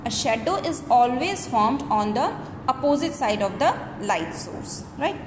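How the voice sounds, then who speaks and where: A woman's voice: on the high side, very animated, measured pace. A woman giving an earnest school lecture, explaining step by step and checking in with students through questioning tags. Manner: earnest, explanatory, often ending phrases with a questioning "right?". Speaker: school teacher. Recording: echoey reverberant room with background noise.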